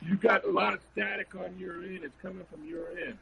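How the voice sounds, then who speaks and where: A man on a video call whose voice comes through muffled, as though from behind a wall. His tone is deeply gravelly and rough, with a raspy edge. He sits a little above other men in pitch. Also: steady tone, fairly quick, fairly bright tone. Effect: muffled, as if heard through a wall. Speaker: panel guest.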